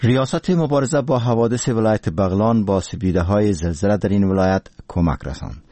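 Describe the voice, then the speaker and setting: Low, mellow Afghan radio presenter, male. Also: soft background music. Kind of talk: scripted radio news presenting.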